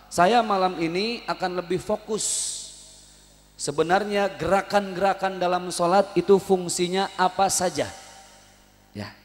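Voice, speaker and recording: A Jakarta-born man preaching with a slightly high voice, animated and humorous. He keeps calling on the congregation to answer him back. The long reverb of a prayer hall trails behind his words. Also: a little slow, long pauses, soft background music. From Betawi, Jakarta. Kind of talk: lively religious sermon with call-and-response. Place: prayer hall at an evening gathering.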